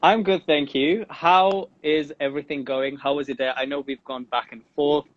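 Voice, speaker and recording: A man's voice: on the high side, fairly even intonation, normal speed, highs cut off. Effusive man hosting a live chat. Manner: chatty, effusive, lots of repeated welcomes. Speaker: host. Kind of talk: casual live-stream interview.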